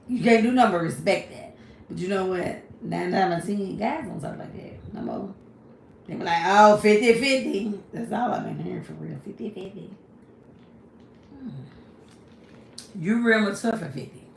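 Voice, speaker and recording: A woman's voice: mid-range voice, vocal fry. A woman, hosting a casual livestream. She reads viewers' comments and answers them directly, and she often says "you know what I'm saying.". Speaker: livestream host. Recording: echoey room, faint background hiss.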